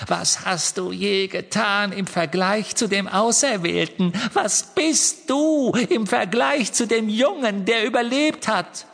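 A man putting on a high mocking phantom girl. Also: creaky, a bit bright, long reverb tail, heavily acted. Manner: mocking, rising, drawn out. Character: cackling beautiful but frightening phantom girl.

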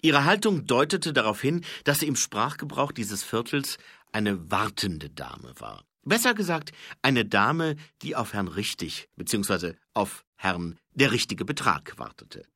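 Expressive male audiobook narrator. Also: on the low side, measured pace, breathy edge, no room sound, studio quality. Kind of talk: scripted narration.

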